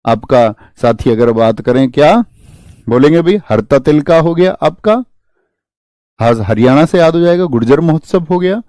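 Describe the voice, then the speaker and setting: A man's voice: fairly high pitch, mellow, no room sound. A young man teaching an exam-prep class, energetically quizzing students with questions and mixing English words into his explanations. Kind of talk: exam coaching lesson.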